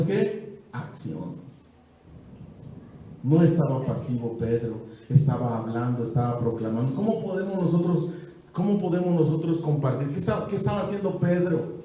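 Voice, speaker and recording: High-voiced Mexican preacher in an echoing hall. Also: male voice, mellow. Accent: Mexican Spanish. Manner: rhythmic preaching with repeated phrases, swelling and dropping. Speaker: pastor. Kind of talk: evangelistic sermon. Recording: very echoey church hall, mic far off.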